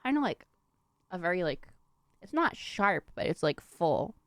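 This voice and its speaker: A woman's voice: fairly low pitch, sing-song, measured pace, no room sound. A young woman streaming a video game, chatting playfully, giggling often and swearing freely. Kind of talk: casual gameplay commentary.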